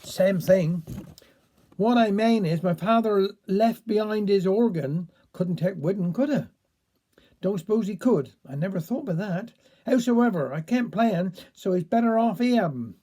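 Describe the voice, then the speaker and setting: A man voicing a muddled, slow-witted Cornish villager who rambles in dialect. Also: high voice, expressive, mellow.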